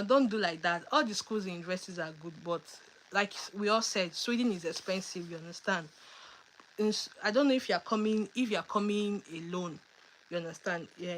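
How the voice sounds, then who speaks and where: A woman chats through a livestream Q&A at a medium pitch. She reads questions from viewers and answers with animated emphasis and playful teasing. A faint hiss of background noise sits behind her voice. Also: low-quality recording. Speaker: livestream host. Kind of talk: casual livestream Q&A.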